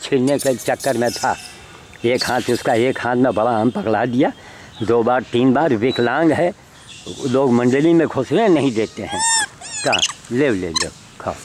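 A man records himself outdoors as he hands out food to animals. He calls them in and shoos them off, then turns to the camera for chatty remarks. His pace is unhurried and his pitch swings widely, with clear outdoor noise behind him. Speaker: vlogger feeding animals. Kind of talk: outdoor handheld vlog narration. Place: outdoors, rural spot with animals.

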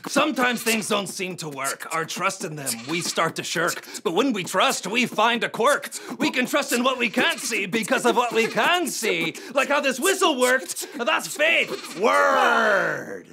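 A performer playing a goofy, excitable male rapper in a comic kids' sketch, shouting and laughing a lot. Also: medium pitch, normal speed, slight background noise. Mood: excited.

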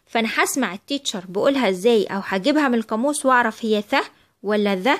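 A woman's voice: on the high side, a bit bright. Egyptian woman teaching English pronunciation. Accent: Egyptian Arabic. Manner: slow, drawn-out word demonstrations. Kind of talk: phonics lesson for children.

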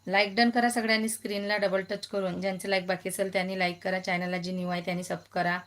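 A woman's voice: mid-range voice, level tone, fast talker, fairly bright tone. A woman, hosting a casual phone live stream, chatting and greeting viewers by name as she reads their comments.

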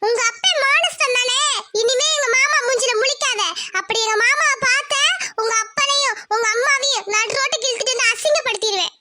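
A woman's voice: very high voice, brisk, sharp tone, exaggerated voice. A woman voicing an arrogant rich village girl in a cartoon, taunting and threatening her rival. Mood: scornful. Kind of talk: cartoon voice acting.

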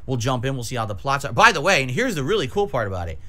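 A man's voice: mid-range voice, very animated, rapid-fire, fairly bright tone. A man in his forties ranting combatively to his livestream viewers, emphatic and profane, hammering points through repetition. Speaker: variety game streamer. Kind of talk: livestream rant to chat viewers. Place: small decorated home streaming room, indoors. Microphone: close desk microphone with pop filter.

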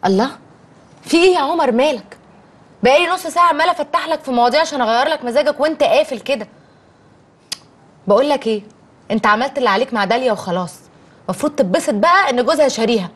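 An actress playing a young Egyptian wife who talks in a chatty, coaxing way. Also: female voice, high voice, lively intonation, fast talker, pauses often. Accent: Egyptian Arabic.

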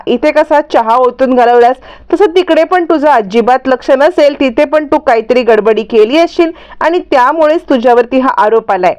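A woman voicing a sharp-tongued older mother-in-law who nags and scolds her daughter-in-law. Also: sits high, clean tone, lightly acted. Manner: scolding, nagging.

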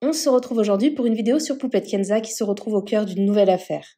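Mellow-voiced woman narrating news. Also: mid-range voice, fast talker. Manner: even, reading from an article. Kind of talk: scripted narration.

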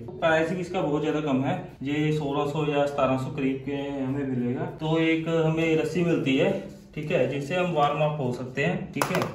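A man giving a casual product review, chatty and loose, often tagging his sentences with a quick "okay". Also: a little high. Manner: chatty, repeats "ठीक है" often. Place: room with tiled floor, indoors. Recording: echoey room, a bit far from mic.

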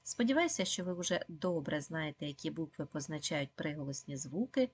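Speaking slowly and clearly in a low-sitting voice with fairly even intonation, this woman teaches second graders in a video lesson. She's a primary school teacher who frequently asks the pupils questions and praises them.

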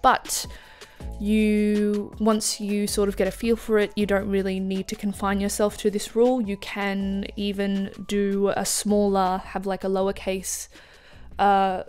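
A woman narrating a relaxed art tutorial, talking casually with many small fillers as she explains each step. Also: medium pitch, a little slow, smooth, faint music behind. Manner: casual, lots of "sort of" and "like" fillers.

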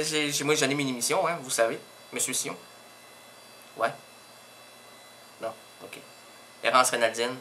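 Playful Québécois radio host, very bright voice. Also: male voice, mid-range voice, a little hiss or hum. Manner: playful, self-mocking, rambling with fillers and puns. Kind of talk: comic radio monologue, one-sided phone call. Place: radio studio.

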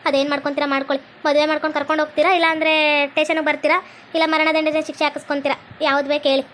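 A woman's voice: sits high, flat delivery, very fast, fairly bright tone, a little hiss or hum. A woman, scolding and threatening as a stern police officer in a village comedy skit. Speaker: comedy sketch creator playing a police officer.

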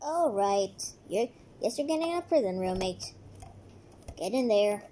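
A woman voicing a dutiful palace guard in a toy doll play, speaking in a gruff, matter-of-fact way. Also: medium pitch, expressive, a little slow, mellow, slight background noise, voice pushed down, close to an everyday voice.

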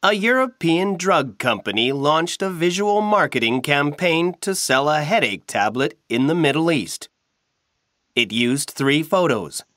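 A man reading a textbook listening passage at a very slow, deliberate pace. His pitch moves a lot, as if for learners. The recording is dry and close. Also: fairly bright tone, no room sound. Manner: slow, carefully enunciated reading. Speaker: textbook audio narrator.

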